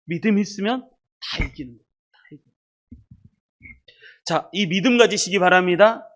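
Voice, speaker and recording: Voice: medium pitch, moderate pace. A pastor preaching a sermon, addressing the congregation directly and repeating key words for emphasis. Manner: dramatic, swings between loud emphasis and hushed asides; addresses the congregation directly and asks rhetorical questions.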